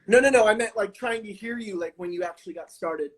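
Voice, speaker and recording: A man's voice: high-pitched, fast, poor audio. A man chatting casually as a co-host on a live stream, his speech slightly affected by new braces in his mouth. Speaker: podcast producer and co-host.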